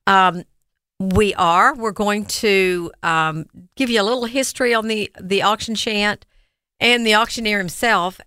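Mulher de voz clara e brilhante. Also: female voice, medium pitch, clean tone, no echo, studio quality. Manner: relaxed, with frequent ums. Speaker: auctioneer and co-host. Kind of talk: casual radio talk.

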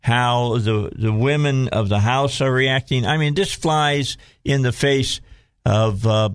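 A man's voice: mid-range voice, slow pace, smooth, dry recording, clean studio sound. A man with a Southern US accent hosting a casual talk radio show in a folksy way, often repeating phrases as he goes.

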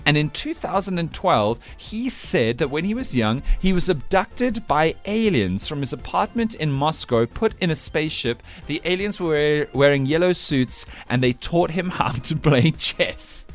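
Teasing quiz-hosting radio man, fairly high voice. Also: lively intonation. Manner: teasing, brisk storytelling. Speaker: radio show host.

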